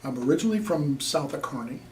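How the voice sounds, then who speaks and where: Animated and fast, a little high in pitch with a darkish tone, an older Nebraska man tells his story in an oral history interview. The veteran is plainspoken and rambling, using frequent fillers. The recording sounds echoey, the mic distant, with faint noise.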